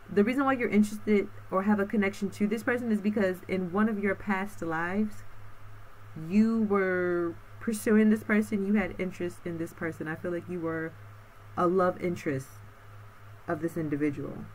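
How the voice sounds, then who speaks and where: A woman's voice: mid-range voice, slight background noise, rough recording. A woman doing a spoken tarot reading, rambling and stretching out words, often tagging on "okay" and "um". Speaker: tarot reader.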